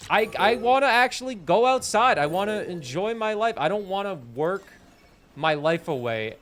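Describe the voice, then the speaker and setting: This is a high-pitched man in his twenties from New England, speaking at a moderate pace. He plays a game on a live stream and chats casually with his audience, animated and chatty, reading their messages and replying.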